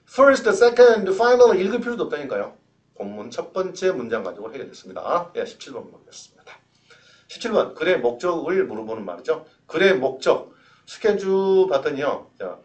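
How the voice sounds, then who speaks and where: A man's voice: mid-range voice, far from the mic. A man teaching an exam-prep English lesson in a chatty, joking way, asking and answering his own questions. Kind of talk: recorded exam-prep lecture.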